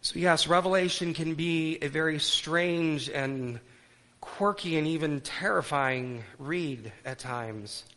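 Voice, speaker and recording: A man speaking as a pastor leading worship, with solemn, measured phrasing in short clauses, in a sermon and liturgical style. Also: on the high side, sharp tone. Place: church worship service.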